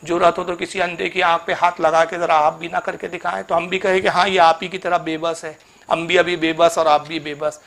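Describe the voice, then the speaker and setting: A man's voice: on the high side, flat delivery, a little fast, creaky, a bit bright. A male Islamic preacher giving a polemical religious talk, sarcastically rebuking a rival cleric and reciting Arabic scripture in a chanting cadence.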